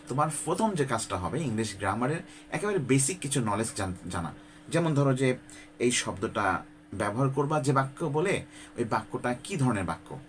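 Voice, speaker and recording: Male English tutor from Bangladesh, mid-pitched, conversational and direct, hesitant fillers, faint noise behind. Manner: conversational, addresses viewer directly with frequent rhetorical questions; mixes English words and phrases into his talk. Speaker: English teacher. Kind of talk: informal spoken-English lesson.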